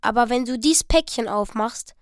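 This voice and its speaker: A woman reading the part of a young husband, speaking slowly, haltingly and earnestly. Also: fairly high pitch, smooth, no room sound, clean studio sound, lightly acted. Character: young husband, stunned and slow-spoken.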